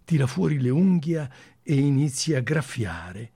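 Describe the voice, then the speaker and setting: Man, radio host, warm low-key tone, slow, reads a fairy tale aloud. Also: big pitch swings, creaky, slightly rough, no room sound, clean studio sound. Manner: gentle and effusive, with small restarts.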